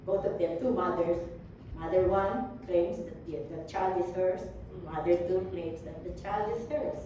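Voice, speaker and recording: Female preacher, slow and mellow, halting delivery; distant mic, big echo. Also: on the low side, steady tone. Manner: slow, halting with many fillers and restarts. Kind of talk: sermon. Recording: distant echoey room with faint background noise.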